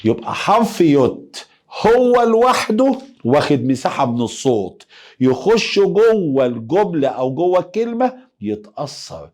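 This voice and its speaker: A man with an Egyptian Arabic accent teaching a lively lesson, playfully coaxing students to repeat letters after him. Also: fairly high pitch, normal speed. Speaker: German teacher.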